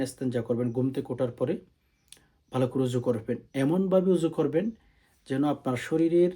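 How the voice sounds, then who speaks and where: A man with a Bangladeshi Bengali accent explains the steps of prayer plainly and at an even pace, then recites the Arabic lines slowly in a chanting tone. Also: medium pitch, husky. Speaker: Islamic prayer instructor. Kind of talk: step-by-step religious instruction.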